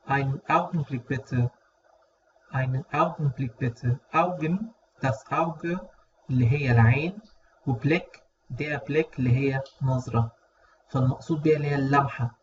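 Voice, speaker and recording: A man's voice: medium pitch, darkish tone. Egyptian man teaching, dull lo-fi sound. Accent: Egyptian Arabic. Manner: repeats words slowly and drawn out, checks in with listeners. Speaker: German language teacher. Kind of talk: casual spoken lesson. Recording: dull lo-fi audio with faint noise.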